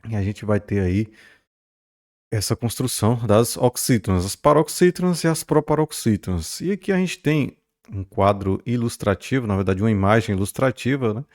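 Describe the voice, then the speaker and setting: A man with a fairly low, slightly mellow voice and a moderate pace teaches a recorded grammar lesson. He explains things, checks in with his students often using "beleza?" and "né?", and draws out stressed syllables to model words.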